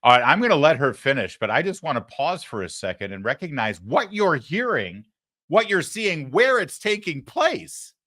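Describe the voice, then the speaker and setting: An American man hosting political commentary, speaking emphatically, pausing for weight and posing rhetorical questions. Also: on the high side, sing-song, sharp tone.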